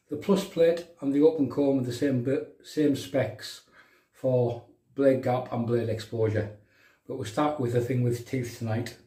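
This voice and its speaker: A man's voice: mid-range voice, mellow. A middle-aged man with a County Durham accent chatting casually to live viewers in a matey, bantering way while demonstrating in a bathroom. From County Durham, England. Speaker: livestream host of a shaving show. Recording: roomy bathroom echo, distant microphone.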